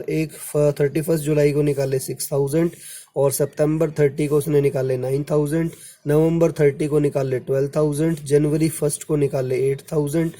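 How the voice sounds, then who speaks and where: A man's voice: on the high side, mellow. A man teaching a commerce lesson, lecturing in a casual classroom way, counting aloud and addressing students affectionately. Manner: counts months aloud, calls students "बेटा", quotes their questions.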